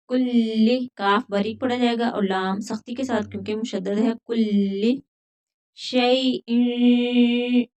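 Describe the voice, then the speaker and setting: A woman teaching a Quran recitation lesson, patiently explaining pronunciation rules step by step and repeating words slowly. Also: mid-range voice, darkish tone. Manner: recites verses in a drawn-out chant.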